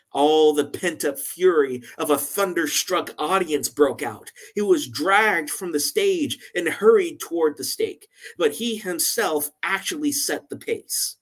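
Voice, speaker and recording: A man teaching church history, reading quoted accounts aloud slowly and deliberately. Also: fairly high pitch, fairly bright tone.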